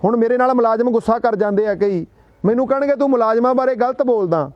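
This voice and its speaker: A public speaker with a Punjabi accent addresses a gathering, telling folksy stories and asking rhetorical questions. His voice is very high and fast, and the recording is dry and muffled.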